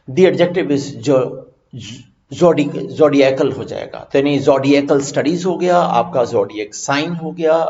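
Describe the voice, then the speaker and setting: A man teaching vocabulary in an online lesson, mixing Hindi and English, reading English definitions slowly and then explaining them quickly. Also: fairly high pitch, darkish tone, highs cut off.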